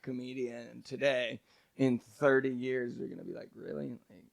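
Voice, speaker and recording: A man guesting on a comedy podcast, joking crudely with a deadpan delivery. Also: mid-range voice, normal speed, vocal fry, a crowd in the background. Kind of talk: casual chat.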